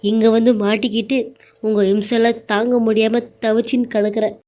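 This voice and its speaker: A woman voicing a defiant, sharp-tongued young daughter-in-law in a cartoon serial, speaking with reproach and sarcasm. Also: on the high side, level tone, brisk, lo-fi sound, close to an everyday voice. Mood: reproachful.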